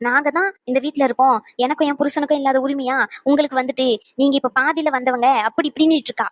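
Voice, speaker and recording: A gossiping old mother-in-law in a cartoon, played by a woman, rattling off her tattling at great speed in a high, dry voice. She schemes and stirs trouble. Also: steady tone, dry recording, lightly acted. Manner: rapid, shrill, tattling. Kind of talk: animated cartoon voice acting.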